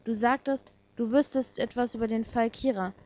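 A woman's voice: fairly high pitch, fairly even intonation, normal speed, a little mellow, close to an everyday voice. A woman voicing a cool, detached young male detective who speaks in curt, matter-of-fact questions. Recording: dull lo-fi recording.

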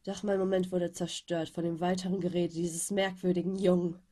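A woman reading a first-person story aloud in a subdued, weary tone, her voice slightly husky from a cold. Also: level tone, normal speed, dark tone. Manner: subdued, weary low-key telling. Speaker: audiobook reader. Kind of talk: first-person fanfiction narration.

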